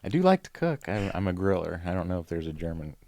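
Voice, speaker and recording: A man in his forties, a podcast guest, chatting in a relaxed, rambling way with many fillers and restarts. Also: deep voice, fast talker, slight background noise. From Ohio. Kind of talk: casual conversation.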